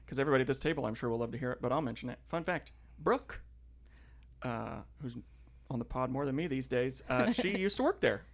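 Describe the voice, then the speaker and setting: Co-host: man, gravelly mid voice, rambling and relaxed. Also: medium pitch, brisk. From Indiana, USA. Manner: rambling, many fillers. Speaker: podcast co-host. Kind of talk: casual chat.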